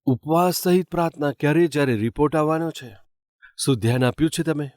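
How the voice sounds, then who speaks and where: A man's voice: on the high side, quick pace, darkish tone, no room sound, studio quality. A man preaching a sermon as pastor, asking his listeners rhetorical questions. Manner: asks the congregation rhetorical questions.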